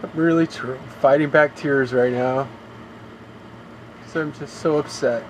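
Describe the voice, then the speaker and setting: A man's voice: mid-range voice, fairly even intonation, unhurried, slight background noise, rough recording. Man rambling through gloomy complaints. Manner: rambling, complaining, fills with "you know". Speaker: game streamer. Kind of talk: live gameplay commentary.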